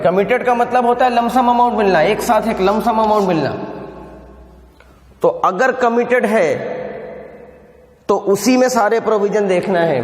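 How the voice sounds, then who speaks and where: A male commerce tutor giving a recorded video lecture, explaining step by step and often asking his students questions, mixing Hindi with English terms. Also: high-pitched. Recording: echoey room with long reverb.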